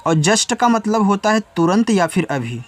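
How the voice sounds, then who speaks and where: Man, high voice, spells out words letter by letter, patient repetitive tutor. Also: lively intonation, normal speed. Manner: spells words letter by letter, then repeats meanings. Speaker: English tutor. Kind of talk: spelling and reading lesson.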